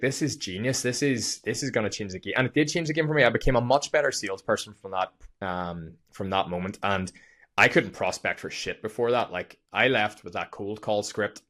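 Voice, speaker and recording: An energetic young man tells a story on his own podcast, swearing freely and leaning on fillers. His voice sits a little low, and he talks into a studio mic. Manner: energetic, profane, lots of fillers. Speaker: podcast host. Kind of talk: casual storytelling monologue. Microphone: studio microphone.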